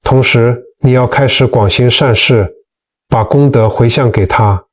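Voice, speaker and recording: A man's voice: medium pitch, measured pace, recorded from a distance. A man narrating moral teaching stories from a script, speaking earnestly and addressing listeners as friends. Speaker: narrator of Buddhist teaching channel.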